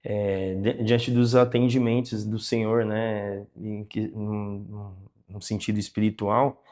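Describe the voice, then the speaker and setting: A man interviewing a friar, asking his questions in halting, hesitant phrases. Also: fairly low pitch, flat delivery, darkish tone.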